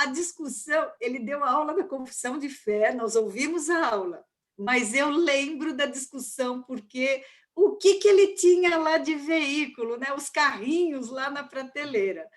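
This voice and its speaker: A woman teacher with a fairly high voice talks from her bedroom at home. She is chatty and tells short anecdotes in a casual online class. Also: moderate pace.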